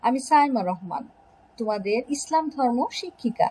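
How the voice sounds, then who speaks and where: A woman from Bangladesh teaching an online religion class to young children, gently and slowly drawing out pronunciation drills. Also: a little high, animated, slight background noise, poor audio. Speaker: Islamic studies teacher.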